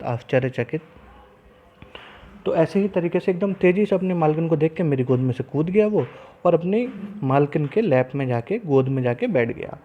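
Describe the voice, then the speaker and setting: A man's voice: a little high, phone-quality sound, slight background noise. Male teacher explaining a lesson. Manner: reads English lines very slowly, then explains fast in Hindi.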